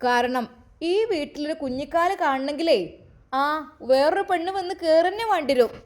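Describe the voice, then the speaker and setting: A woman voicing a stern, domineering older mother-in-law in an amateur story drama. She speaks in a Malappuram Malayalam accent with a loud, nagging, taunting manner. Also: high voice, normal speed, close to an everyday voice. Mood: scolding.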